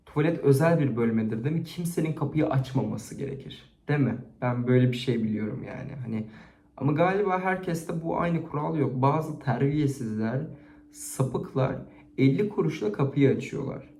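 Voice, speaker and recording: A man chatting casually to a camera, reading out embarrassing stories and rating them, expressive and chatty. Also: medium pitch. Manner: chatty and expressive, with frequent laughter. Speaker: YouTuber reading viewers' stories. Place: indoors at home, set-up camera. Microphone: camera on a stand. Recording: echoey room.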